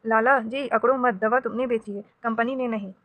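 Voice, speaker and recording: A stern middle-aged father who scolds loudly, read aloud by a woman. His lines come out bright and raised, with a slightly high pitch. He is a storybook character who stands up for his daughter. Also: steady tone, normal speed, natural voice.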